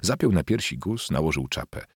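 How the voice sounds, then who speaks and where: Male audiobook narrator, deep voice, animated reading, dry close sound. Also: fairly quick, breathy edge, dry recording. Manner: expressive reading with lively intonation.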